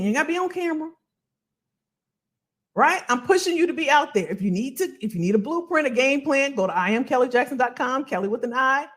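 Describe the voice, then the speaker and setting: A woman hosting a casual livestream as a financial coach, animated and colloquial, repeating phrases for emphasis. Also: sits high. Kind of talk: casual livestream talk to viewers.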